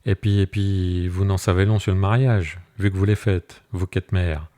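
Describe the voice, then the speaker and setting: Casting: timid old peasant shepherd, halting and repetitive, played by a man, low dark voice. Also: steady tone, natural voice. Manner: halting, repetitive rustic speech.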